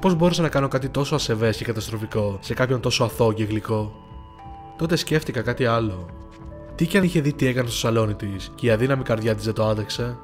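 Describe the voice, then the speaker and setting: A man narrates a first-person horror story at a measured, somber pace. His voice sits at an ordinary middle pitch. Faint music runs quietly underneath. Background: faint background music.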